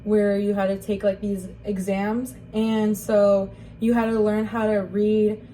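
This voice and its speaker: Recounting her life story for an interview, a young woman from Rockford, Illinois, USA, speaks at a measured pace in a medium-pitched, dark, level voice. She's hesitant and casual, relying heavily on "um" and "like." The recording is low quality with a touch of background noise.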